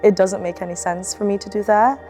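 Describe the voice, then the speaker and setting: A woman's voice: mid-range voice, steady tone, a little fast, mellow, faint music behind. A young woman student athlete from the Philippines, speaking in a casual, reflective documentary interview with fillers and restarts. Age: young adult.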